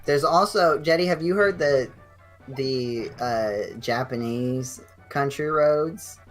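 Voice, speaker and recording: On a game night stream, a young man chats casually with friends, telling rambling, animated stories full of restarts. His voice is medium in pitch and slow, with faint music behind it in a rough recording.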